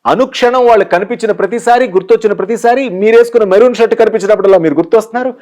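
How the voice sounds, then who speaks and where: A man's voice: high voice, very fast. A man with a Telugu accent, a motivational speaker answering an interviewer and acting out the stories he tells. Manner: animated storyteller who plays out the scenes he describes. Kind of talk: guest in an interview.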